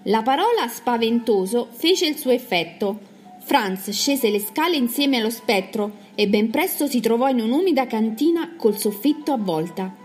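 A woman with a fairly high voice reads a children's story aloud. She narrates in an expressive, dramatic way, building suspense. Soft music sits faintly in the background. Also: normal speed.

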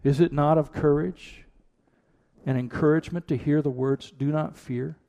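A pastor preaching an earnest sermon into a pulpit microphone in a church, repeating rhetorical questions for emphasis. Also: male voice, fairly high pitch, steady tone, normal speed, gravelly, mellow. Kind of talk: sermon with prayer and scripture reading.

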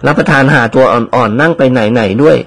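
A man's voice: medium pitch, a little fast, a bit bright, husky. A man reading the part of a fawning, money-dreaming male servant, slipping a servile polite tic into every sentence. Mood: eager. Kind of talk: audiobook character reading.

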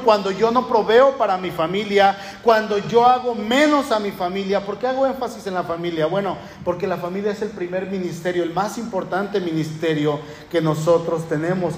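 A man's voice: high-pitched, echoey room, slight background noise. A man with a northern Mexican accent, preaching a sermon as pastor, speaking emphatically with rhetorical questions and lists. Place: church.

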